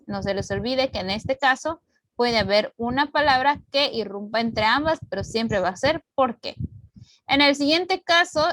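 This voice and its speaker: A woman teacher giving a recorded online grammar lesson, explaining patiently and clearly with example sentences, into a computer mic. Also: sits high, fairly bright tone, no room sound, rough recording. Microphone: computer mic on video call recording.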